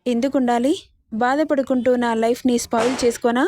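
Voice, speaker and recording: A woman's voice: on the high side, fairly even intonation, brisk, dark tone, no room sound, clean studio sound, close to an everyday voice. A woman voicing a young male college student in a spoken story, speaking dismissively. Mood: cold. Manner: mocking then remorseful. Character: young man, a callous college prankster.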